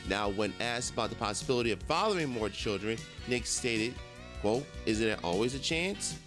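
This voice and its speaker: A man's voice: medium pitch, lively intonation, moderate pace. A man hosting morning radio, giving an entertainment report in a slangy, conversational way with exasperated commentary. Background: music.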